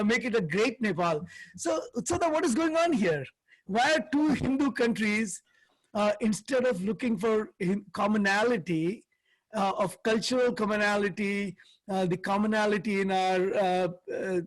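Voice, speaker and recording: Heard on a low-quality recording, a high-voiced man from India co-hosts a talk show discussion. He speaks earnestly, with lots of fillers and restarts.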